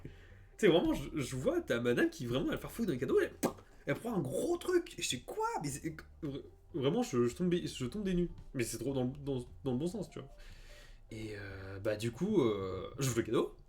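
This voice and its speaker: A young man streams a game and tells a story casually over the gameplay, in a mid-range voice at normal speed. He's animated, stammers, and leans heavily on fillers.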